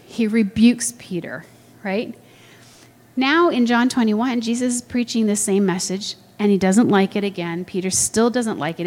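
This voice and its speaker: Woman preaching in a reverberant hall. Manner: conversational, asks the room questions; acts out quoted voices with big pitch jumps. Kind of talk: sermon.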